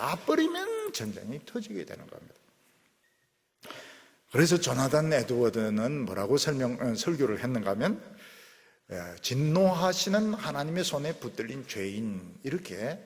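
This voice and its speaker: A male pastor delivers a sermon in a lively, animated voice, leaping high on key words and sinking low and quiet on others. His voice rings with a long reverb, as if it fills a church sanctuary.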